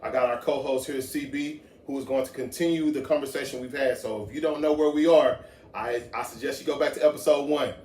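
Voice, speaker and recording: Male podcast host, mid pitch, interjects and recaps, echoey room. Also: fairly even intonation, fairly quick, a little mellow, a little hiss or hum. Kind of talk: podcast hosting.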